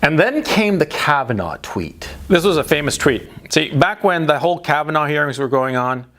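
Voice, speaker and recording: A man's voice: fairly high pitch, sing-song, moderate pace, fairly bright tone. A man who grew up in Chile and the United States, giving a blunt, emphatic opinion monologue, often restarting and tagging his points with "right?". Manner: emphatic, blunt, repeats for stress; speech full of restarts and tag questions. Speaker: political commentator.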